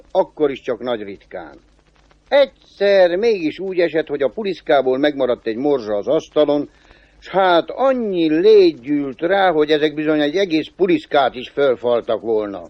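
A man telling a folk tale in a lively way, shifting pace and pitch. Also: no echo. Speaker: storyteller. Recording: dull, dry recording.

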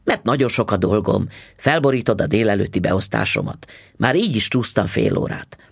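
A man's voice: lowish voice, sing-song, vocal fry, husky, dry recording, studio quality, heavily acted. A man voicing a smug, stingy middle-aged male dentist who talks down to his wife. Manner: patronizing.

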